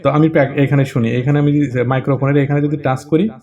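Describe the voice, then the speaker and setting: A man's voice: mid-range voice, fairly even intonation, fast, mellow, highs cut off. Man chatting through an app walkthrough. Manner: chatty, with frequent "okay?" check-ins and fillers. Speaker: app tutorial presenter. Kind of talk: casual app walkthrough tutorial.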